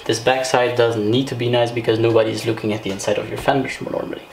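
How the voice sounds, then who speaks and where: A man's voice: medium pitch, flat delivery, fast talker. A man hosting a DIY video, casually explaining things step by step in a conversational way. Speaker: host of a DIY car series. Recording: roomy echo, clear background noise.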